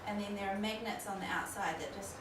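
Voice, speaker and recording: In a baby store, a young woman with a New Zealand accent demonstrates a stroller, chatting casually with frequent ums. Her mid-range voice is steady and quick. A distant camera mic makes it roomy, with loud background noise.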